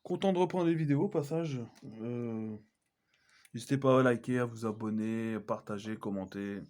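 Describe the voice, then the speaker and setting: A man's voice: mid-range voice, moderate pace, darkish tone. A man chatting casually as he shows his film collection, hesitant, with many fillers and self-corrections. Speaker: collector vlogger. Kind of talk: casual unboxing chat.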